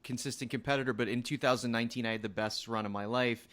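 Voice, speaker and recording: A man's voice: medium pitch, steady tone, fast, fairly bright tone. A man hosting a podcast, chatting casually and energetically with a guest and now and then swearing. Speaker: podcast host, jiu-jitsu coach.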